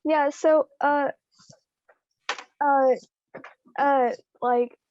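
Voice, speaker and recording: A woman's voice: high-pitched, steady tone, extremely slow, muffled recording, slight background noise. A young woman conducting an informal interview in a hesitant, casual way, with many filler "likes".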